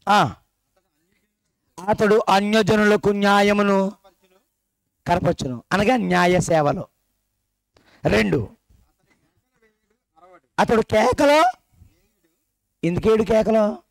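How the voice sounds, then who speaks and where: A man's voice: sits high, lively intonation, slow, creaky, pauses often, no echo. A man preaching a sermon at a gospel meeting, putting questions straight to the congregation and teasing them. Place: church meeting hall.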